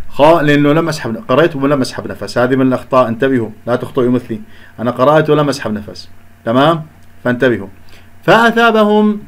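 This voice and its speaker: A man with a slightly high voice teaches Quran recitation. He goes through the text letter by letter, drawing out sounds slowly as he demonstrates them and warning his students against common mistakes. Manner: explains letter by letter, repeats sounds slowly, corrects errors. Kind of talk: recitation lesson with slow demonstrations.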